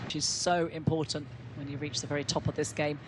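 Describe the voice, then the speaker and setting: A man with a noticeably high voice works as a golf commentator, calling shots and players live. Distinct outdoor course noise runs behind him. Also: little pitch movement, fairly quick. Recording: clear outdoor background noise.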